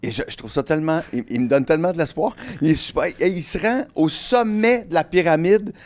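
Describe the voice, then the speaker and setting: A man's voice: on the high side, a little mellow. A man with a Québécois French accent hosting a podcast, chatty and joking with his guest. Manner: chatty, joking, quick to laugh. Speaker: podcast host. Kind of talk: casual podcast interview.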